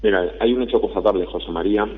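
A man speaks as a guest in a radio interview, phoning in. His voice is deep and husky, and the tinny phone line thins it. His answers are earnest and flow like a prepared speech. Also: very fast.

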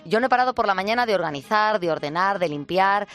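A woman's voice: medium pitch, animated, fast, fairly bright tone, soft background music. A woman co-hosting radio, reading listener messages in a conversational way. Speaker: radio co-host.

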